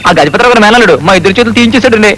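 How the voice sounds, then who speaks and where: Quick scheming guy in a comedy film scene, bright high voice, rattles it off. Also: noisy background. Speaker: comic actor in a film scene. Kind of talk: comic film dialogue.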